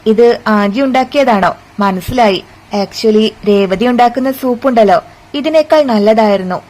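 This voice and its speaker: Woman narrator as a chatty young woman, offhand, fairly high voice. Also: normal speed, a little mellow, close to an everyday voice, rough recording.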